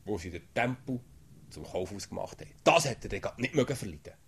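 Lively husky preacher. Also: male voice, lowish voice, fast. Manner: animated, often asks "oder?". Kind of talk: sermon.

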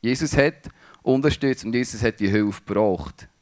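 A man giving a sermon, speaking in a halting way with restarts as he searches for words. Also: lowish voice, darkish tone. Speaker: preacher.

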